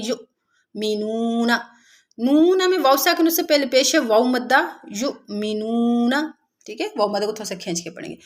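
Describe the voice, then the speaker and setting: Woman teaching Quran recitation, high voice. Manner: explains rules step by step, then recites words slowly and drawn out. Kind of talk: tajweed lesson with slow chanted recitation.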